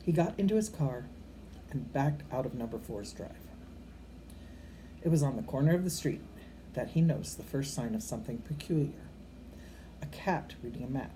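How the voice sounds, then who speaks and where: An older woman with a bass voice reads aloud to children like a grandmother, at normal speed but pausing often. Her storytelling is expressive and unpolished, with occasional slips she goes back to correct and offhand comments to the kids. The sound is rough, an amateur recording with faint background noise.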